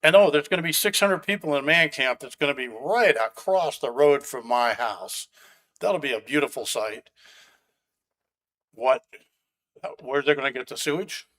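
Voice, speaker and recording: A man gives public comment at a county board meeting. He speaks bluntly, with sharp sarcasm and open anger. His pitch sits at an ordinary middle level for a man. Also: moderate pace. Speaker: resident giving public comment. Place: county commission meeting room.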